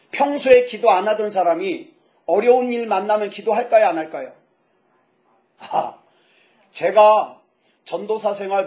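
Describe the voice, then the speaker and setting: High voiced pastor in his 50s preaching, jokey, keeps asking the crowd stuff, muffled sound. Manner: lively, asks the audience questions, jokes about himself. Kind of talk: sermon. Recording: dull lo-fi sound.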